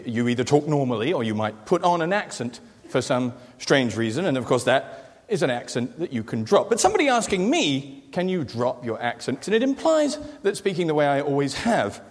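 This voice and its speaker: A man's voice: medium pitch, long reverb tail. A British man from Great Britain doing a stand-up comedy set with dry, self-deprecating asides on a large theatre stage.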